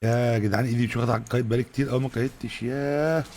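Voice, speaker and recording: A man with an Egyptian Arabic accent giving live gameplay commentary, trading fast joking banter with his teammates. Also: medium pitch, fairly even intonation, a little mellow, faint music behind. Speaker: gaming streamer.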